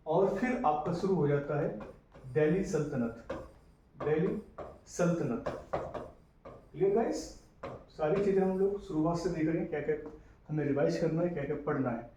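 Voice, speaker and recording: A male history teacher giving a casual exam-prep lecture in mix, often checking in with his students by asking whether things are clear. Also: on the high side, moderate pace, pauses often, dark tone. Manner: repetitive, checks in with "clear guys?". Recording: echoey room, distant mic, faint hiss.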